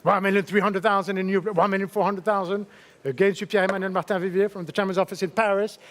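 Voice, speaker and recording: A man's voice: high-pitched, fairly even intonation, fast. A man working as a fine art auctioneer, calling bids in repeated figures and politely coaxing bidders with short questions. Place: auction saleroom in London.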